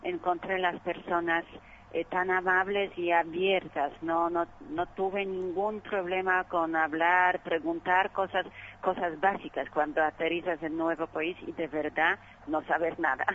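A woman from Poland with a Polish accent, a non-native speaker in a radio interview, haltingly searching for words. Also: fairly low pitch, flat delivery. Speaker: ambassador being interviewed. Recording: dull, noisy phone call.

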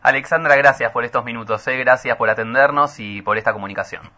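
A man's voice: mid-range voice, quick pace, pushed and bright, muffled recording. A man, hosting a conversational interview on the radio.

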